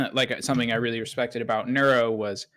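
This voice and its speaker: A man who streams games talks openly about his habits, reflective and unhurried, with frequent fillers. His voice sits at an ordinary pitch. The recording is dry with no room sound. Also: fairly even intonation, fairly bright tone, no room sound. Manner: reflective, candid, with fillers and restarts. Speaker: streamer and guest. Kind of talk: casual interview chat.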